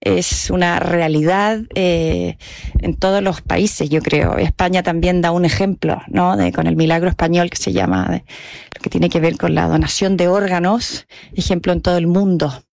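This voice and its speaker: A woman's voice: on the low side, steady tone, moderate pace, creaky, a little mellow, dry recording. A woman hosting a conversational interview in a studio, introducing and questioning as she goes. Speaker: host.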